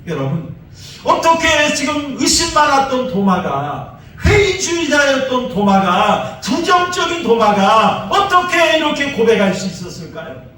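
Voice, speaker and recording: Emphatic high-voiced male preacher. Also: pushed and bright, distant mic, slight background noise. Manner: emphatic, rising rhetorical questions. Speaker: pastor. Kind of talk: sermon. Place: church sanctuary. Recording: echoey church hall from afar.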